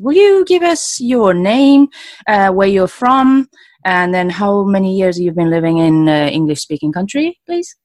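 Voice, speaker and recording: A Japanese woman with a lowish voice hosts a podcast, chatting through a friendly, casual interview in an animated way and laughing often. The recording is studio quality, with no room sound.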